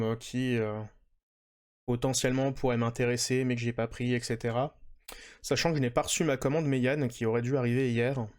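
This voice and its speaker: A man's voice: mid-range voice, a little mellow. Chatty man reviewing manga. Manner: chatty, hesitant with many fillers. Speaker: podcast host.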